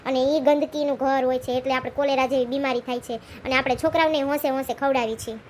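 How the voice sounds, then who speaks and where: A woman's voice: high-pitched, steady tone, fast talker, slight background noise. A woman, playing a feisty, talkative village woman in a comedy skit and pleading her case as she chats. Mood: chatty. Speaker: comic lead and narrator.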